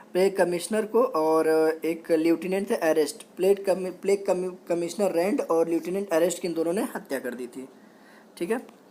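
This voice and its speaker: A male teacher giving an exam-prep history lecture, reading English notes slowly and explaining them, often quizzing with repeated questions. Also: high-pitched, darkish tone.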